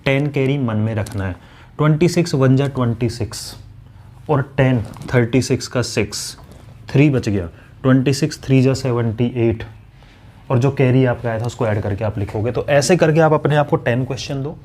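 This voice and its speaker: His mid-range voice is a little mellow as he teaches maths facing the camera, coaching and scolding students bluntly. Quick recitations of tables and acted-out student replies are part of his manner.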